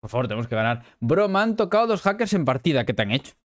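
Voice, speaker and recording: Excitable Spanish gamer man, lively pitch. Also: fast talker, no echo, studio quality. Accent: Spain Spanish. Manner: excitable, swings between muttering and shouting. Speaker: gaming YouTuber. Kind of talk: live gameplay commentary.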